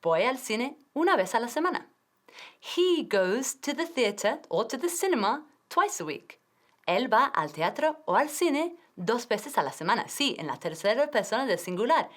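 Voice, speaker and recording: Lively woman teaching English. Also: fairly high pitch, a little slow. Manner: clear, drilling pronunciation, switching between Spanish and English. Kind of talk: TV language lesson.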